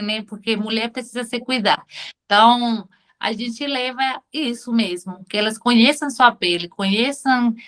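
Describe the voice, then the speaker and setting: A woman with a Venezuelan accent talks on a video call, Spanish her first language. She pitches her beauty consulting work haltingly, often pausing to search for words. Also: a bit bright.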